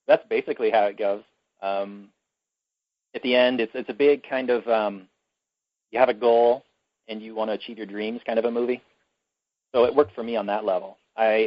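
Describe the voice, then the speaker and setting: A man's voice: fairly low pitch, dry recording, dull audio. A man co-hosting a podcast, retelling a film plot in casual chat with many fillers and restarts. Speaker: podcast co-host.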